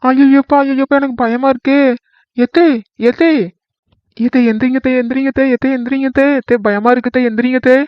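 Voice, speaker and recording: A man's voice: very high voice, fairly even intonation, fast, hardly any pauses, clear, resonant tone, no room sound, dull audio. A man voicing a timid young daughter-in-law in a cartoon comedy, whining and pleading in a scared, tearful way. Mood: frightened.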